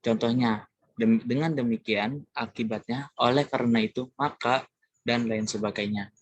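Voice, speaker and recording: A man's voice: mid-range voice, fairly even intonation, moderate pace, no room sound, lo-fi sound. A young man from Indonesia giving a class presentation, talking casually to his classmates with many hesitant fillers. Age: young adult. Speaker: student presenter.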